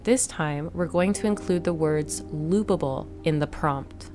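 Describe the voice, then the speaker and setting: A woman hosting a step-by-step software tutorial, explaining each click in a plain, instructive way. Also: sits low, unhurried, soft background music. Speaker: tutorial host.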